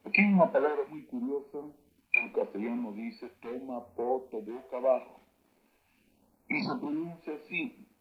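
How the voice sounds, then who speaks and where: A man teaching words of an old local language, saying each word slowly and loudly and then explaining its meaning. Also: mid-range voice, expressive, dull audio. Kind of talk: spoken vocabulary lesson.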